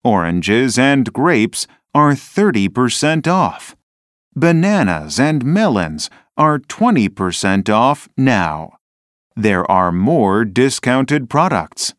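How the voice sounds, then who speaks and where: A man reading a slow, dry supermarket announcement. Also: mid-range voice, big pitch swings, dry recording. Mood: announcing. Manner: slow, clear, scripted announcing. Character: adult male store announcer. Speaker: listening test voice actor. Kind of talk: supermarket announcement read for a listening test.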